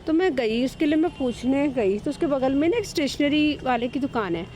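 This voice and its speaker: A woman's voice: sits high, animated, moderate pace, a little mellow. Chatty woman telling a devotional story. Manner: chatty, hesitant, many fillers. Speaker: devotee sharing a testimony. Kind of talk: casual spoken testimony. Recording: faint background noise.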